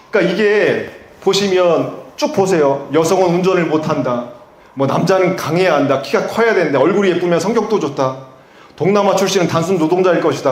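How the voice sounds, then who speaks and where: Chungcheong-accented pastor man, sermon voice a bit high, keeps asking the crowd questions then hits hard, roomy echo. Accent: Chungcheong Korean. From Chungcheong, Korea. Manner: rhetorical questions to the congregation, rising to emphatic peaks.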